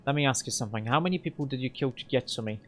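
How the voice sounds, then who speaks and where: A man's voice: medium pitch, rapid-fire, lightly acted. A man voicing a whiny, defensive hacker guy.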